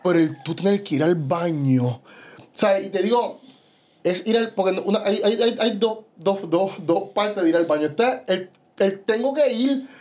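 As a guest on a relaxed podcast, a young adult bodybuilder animatedly shares stories, frequently tossing in "you know" and "¿sabes?" He has a Puerto Rican Spanish accent and speaks in a high voice at a moderate pace.

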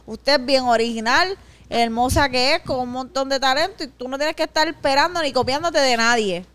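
A woman with a high voice talks in a casual family podcast. She sounds earnest, mixing gentle scolding with affection. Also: fairly quick, clear, resonant tone.

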